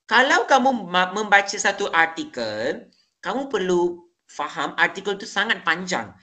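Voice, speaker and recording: A woman's voice: on the low side, big pitch swings, unhurried, sharp tone. A young woman with a Malaysian Malay accent, teaching a class and asking the pupils questions as she explains. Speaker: teacher in a simulated lesson. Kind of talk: classroom lesson presentation.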